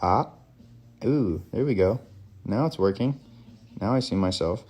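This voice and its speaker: A man's voice: on the low side, animated, measured pace, dark tone, breathy edge. A young man hosting a casual livestream from home on his phone, joking loosely and playfully. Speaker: livestream host. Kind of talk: casual chat.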